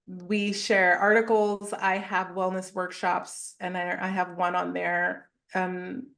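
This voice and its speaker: A woman therapist guesting on a podcast, explaining her work in a measured, steady way. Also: fairly low pitch. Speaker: therapist and wellness founder, guest. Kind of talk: podcast interview conversation.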